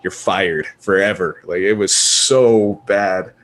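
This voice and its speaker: Deep and fairly bright, this man's voice takes things slowly. As a gaming-show panelist he chats casually, swapping stories and launching into animated film rants full of swearing and jokes.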